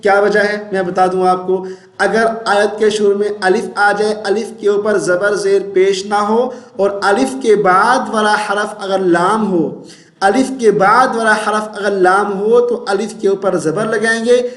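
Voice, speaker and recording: A man teaching Quran recitation and pronunciation, patiently repeating syllables slowly and chanting verses in drawn-out tones. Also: sits high, steady tone, fairly bright tone, roomy sound. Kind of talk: tajweed pronunciation lesson.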